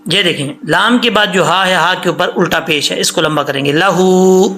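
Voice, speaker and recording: Bright high-voiced man teaching Quran recitation. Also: a little fast, slight background noise. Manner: breaks verses into syllables, stretches sounds to show length. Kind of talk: tajweed lesson, slow recited examples between explanations.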